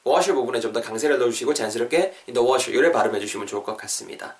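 A young adult man, hosting a podcast English lesson and drilling phrases over and over in a lively way. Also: mid-range voice, rapid-fire. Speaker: English teacher and podcast host. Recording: roomy room, distant from mic.

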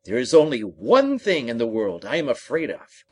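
A man voicing a friendly, brainless straw-stuffed scarecrow from a storybook, with a husky voice and a polite, earnest manner. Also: wildly swooping pitch, moderate pace, darkish tone. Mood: friendly, confiding. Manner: polite, earnest, wide swoops in pitch. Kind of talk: storybook character voice.

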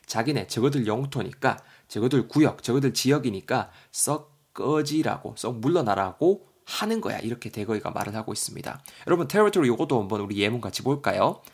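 A man teaching English vocabulary on a podcast, jokey and lively, spelling words out letter by letter. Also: medium pitch, a little fast, hardly any pauses, slightly rough. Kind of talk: podcast lesson.

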